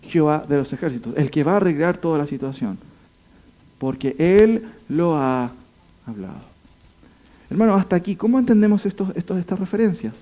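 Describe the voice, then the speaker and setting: A man's voice: a little high, expressive, fairly quick, mellow. A man teaching a Bible study, pressing his points with rhetorical questions and emphatic stress. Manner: asks the listeners rhetorical questions.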